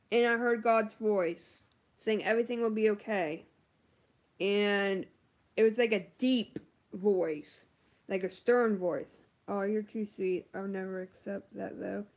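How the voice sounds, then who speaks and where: A woman beauty vlogger chatting casually on a livestream, answering viewer comments with lots of ums and likes. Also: fairly high pitch.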